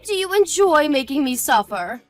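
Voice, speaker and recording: Woman acting a high-pitched, hurt and angry mother-in-law. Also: very animated, normal speed, no room sound, faint music behind. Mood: hurt, demanding. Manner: indignant, hurt and angry, scolding. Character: haughty, cruel, self-pitying older mother-in-law. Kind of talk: scripted audio drama acting.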